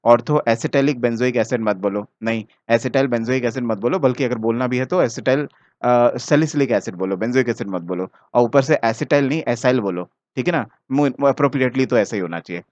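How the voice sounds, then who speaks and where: A man's voice: mid-range voice, brisk, a little mellow, no echo. A man with an Indian accent, teaching chemistry and working through exam solutions step by step, mixing English terms into his speech and often checking in with the student. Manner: talks directly to the student, often checking "ठीक है ना". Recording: dry, slightly dull mic sound.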